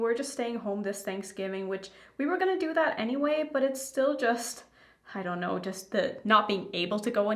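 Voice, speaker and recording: A young adult woman rambling candidly to her viewers in a casual makeup vlog. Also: medium pitch. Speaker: beauty YouTuber. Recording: roomy indoor echo.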